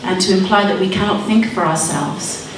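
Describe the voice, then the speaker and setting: A woman's voice: mid-range voice, moderate pace, noisy background. Earnest thirties woman debating, wry asides, distant mic, big reverb. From Malawi, raised in Zimbabwe. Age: 30s. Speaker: speaker in a debate. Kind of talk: public debate speech. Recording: very echoey hall, speaker away from the mic.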